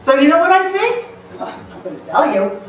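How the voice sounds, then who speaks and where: A motivational speaker, this woman delivers a funny storytelling talk to a live crowd, her voice high and bright and her pace normal. Playful and lively, she laughs frequently. The recording is distant and echoey, made in a hall with a little faint noise.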